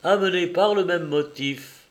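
A man narrating a classic novel in a measured, expressive storytelling manner. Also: high-pitched.

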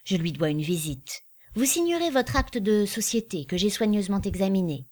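A woman reads a serious older magistrate with a measured, weighty delivery. He sounds calm, stern and deliberate. He is the voice of authority in a storybook reading. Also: medium pitch, close to an everyday voice. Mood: grave. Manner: grave, measured.

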